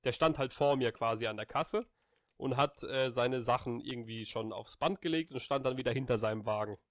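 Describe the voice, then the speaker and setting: Blunt, animated man telling a story. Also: medium pitch, a little fast, no room sound. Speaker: friend chatting. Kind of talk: casual chat, telling an anecdote.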